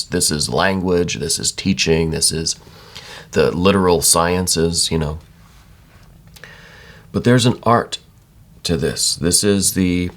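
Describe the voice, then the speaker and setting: A man giving a conversational, reassuring tarot reading in the manner of a psychic hotline, speaking directly to the listener. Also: deep voice. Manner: reassuring, addresses listener directly, frequent check-in tags. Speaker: tarot card reader.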